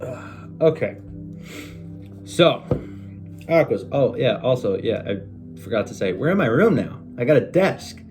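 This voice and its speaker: A man's voice: mid-range voice, very animated, measured pace, long pauses. Chatty man reading tarot with music behind. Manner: chatty, swears when frustrated, muttering asides. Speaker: tarot reader. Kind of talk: casual tarot reading to camera. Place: his bedroom at a desk. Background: music playing on a TV.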